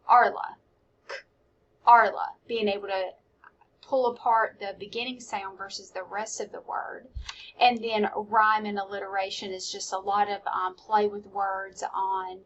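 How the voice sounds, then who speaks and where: A woman's voice: medium pitch, a bit bright, low-quality recording. A woman, a college instructor giving a recorded weekly course lecture, explaining steadily with frequent ums.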